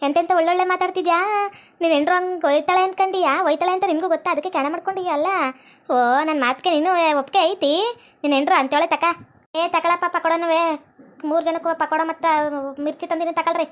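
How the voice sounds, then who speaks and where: A woman playing a meddling, deaf old village woman in a comic family skit, with a North Karnataka Kannada accent and a shrill, nagging, melodramatic way of talking. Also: fairly even intonation, fast talker. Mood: indignant.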